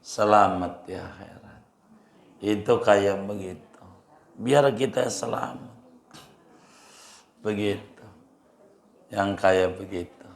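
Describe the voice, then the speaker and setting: In a hall with a roomy echo, an Islamic preacher delivers a sermon in a lowish, steady, gravelly voice, speaking slowly with long pauses. He tells a funny story and keeps repeating phrases and rhetorical questions to the congregation.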